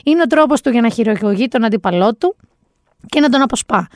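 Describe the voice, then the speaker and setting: A woman hosting a podcast, telling stories in a chatty, sarcastic, animated way. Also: a little high, no echo, clean studio sound. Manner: chatty, sarcastic, animated storytelling with quoted voices. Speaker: podcast host. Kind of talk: casual chat recap.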